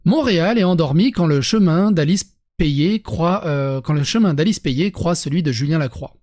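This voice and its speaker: A streamer with a French accent reading an article aloud to viewers, breaking off for lively, sarcastic asides and restarts. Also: mid-range voice, normal speed. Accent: French (France).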